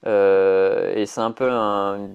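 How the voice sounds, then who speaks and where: A man's voice: fairly low pitch, little pitch movement, takes it slowly, vocal fry, smooth, narrow, tinny audio. A man chatting casually on a podcast, rambling with many fillers and restarts. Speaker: podcast host.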